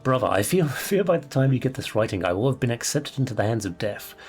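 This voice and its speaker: A man's voice: medium pitch, very animated, fast, a little mellow, faint music behind. A man voicing a doomed male mercenary, solemnly reading his farewell letter aloud in a put-on accent. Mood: grave, desperate.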